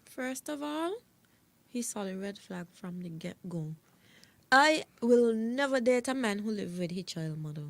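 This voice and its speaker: A woman's voice: mid-range voice, lively intonation, unhurried, vocal fry, fairly bright tone, dry recording. A woman co-hosting a casual panel show, giving opinions firmly and repeating her key points for emphasis. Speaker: talk show co-host.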